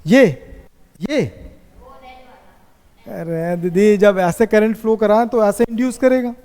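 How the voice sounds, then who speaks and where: High-voiced man teaching in an echoey classroom. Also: warm tone, clear, resonant tone. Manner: questioning the students; slow dictation. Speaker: physics teacher. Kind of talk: classroom lecture.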